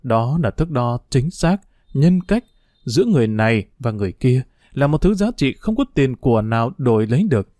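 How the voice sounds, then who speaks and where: Male narrator for a somber story, mellow, dry close sound. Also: mid-range voice, big pitch swings, a little fast, no echo.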